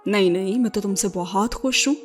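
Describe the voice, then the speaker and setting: A woman's voice: medium pitch, faint music behind, natural voice. Storybook: woman reads a coldly angry man, curt and scolding, mid-range voice. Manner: flat and scolding.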